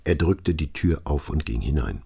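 Male audiobook narrator: very low, dark voice, husky texture, lively reading. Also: moderate pace. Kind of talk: scripted narration.

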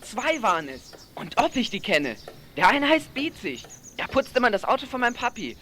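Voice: mid-range voice, very animated, moderate pace, pushed and bright, slight background noise. An actor voicing a chatty, boastful teenage boy in a radio play. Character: chubby cheeky teenage boy, food-loving.

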